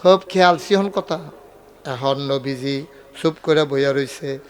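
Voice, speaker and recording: A man preaching a waz sermon, telling stories with acted dialogue, often climbing to near shouts and drawing laughs with colloquial humor. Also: mid-range voice, measured pace, slight background noise. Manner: dramatic storytelling, acting out dialogue, rising to near shouts.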